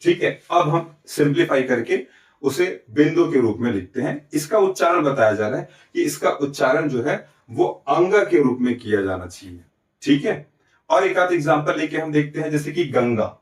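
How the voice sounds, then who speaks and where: A man's voice: fairly high pitch, animated, normal speed. Man teaching Hindi grammar, echoey room. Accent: Chhattisgarh Hindi. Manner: explains step by step, asks and answers his own questions; often adds "ठीक है?" and "है ना?" to check understanding. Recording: echoey room, recorded from a distance.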